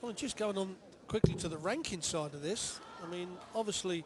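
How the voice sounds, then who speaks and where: High-voiced male darts co-commentator, noisy venue. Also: lively intonation, normal speed. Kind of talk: conversational live sports analysis. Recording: clear background noise from venue.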